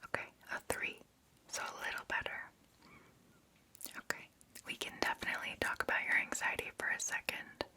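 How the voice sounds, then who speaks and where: Soft whispers come from a woman in her twenties, soothing the listener in the manner of an ASMR therapist roleplay. The close ASMR microphone is just off camera, and the setting is a small, cozy room indoors.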